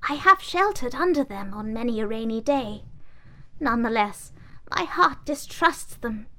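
A woman voicing an old, wise book of fairy tales who speaks in a measured, solemn way. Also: on the high side, lively intonation, sharp tone, voice pushed up.

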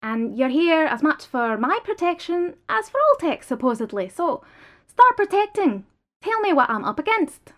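A woman's voice: sits high, big pitch swings, a little slow, a bit bright, voice pushed up, heavily acted. Lady reading out an upset worker guy, pushy and pleading, voice jumping all over. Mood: demanding. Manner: pleading, raised and insistent. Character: male worker, indignant and defiant. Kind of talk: audiobook character reading.

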